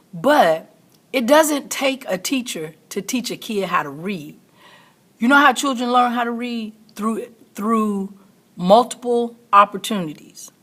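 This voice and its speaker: A woman's voice: mid-range voice, pushed and bright. A middle-aged or older woman hosting an online motivational talk like a teacher, speaking emphatically and repeating key phrases for stress. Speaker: teacher and online show host.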